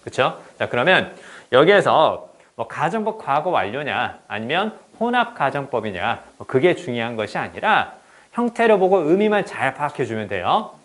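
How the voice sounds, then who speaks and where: A man teaching an exam-prep English grammar lesson, often checking in with the class and reading English examples slowly. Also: medium pitch. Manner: lively, repeats "그쵸?" to check understanding.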